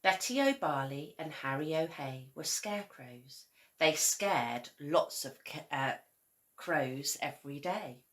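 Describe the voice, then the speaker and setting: In a low-pitched voice, a woman narrates a children's story with the steady, expressive care of a primary school teacher.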